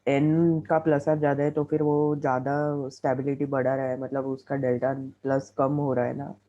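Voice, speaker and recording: A man's voice: mid-range voice, completely flat delivery, moderate pace, mellow, highs cut off, slight background noise. A male student in an online class, answering briefly and asking hesitant questions. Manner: short replies and hesitant questions.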